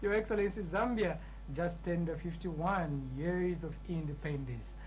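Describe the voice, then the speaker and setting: Low-voiced formal TV host, woman. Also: a little slow, darkish tone, rough recording. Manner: formal, ceremonious. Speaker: TV talk show host. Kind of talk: formal TV hosting. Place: TV studio.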